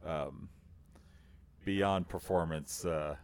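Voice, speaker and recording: A man co-hosting a casual chat podcast, telling a story with many fillers and frequent laughter. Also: low-pitched. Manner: laughs often, halting with fillers. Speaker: podcast co-host.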